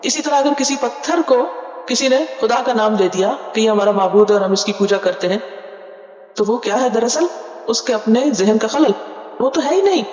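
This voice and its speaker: A woman's voice: a little high, lively intonation, darkish tone. A woman Quran teacher works through a scripture passage word by word. She asks her listeners questions, answers them herself, and explains each term patiently with English glosses. The sound is dull and lo-fi, with a roomy hall echo trailing after her words. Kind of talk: word-by-word scripture tafseer lesson.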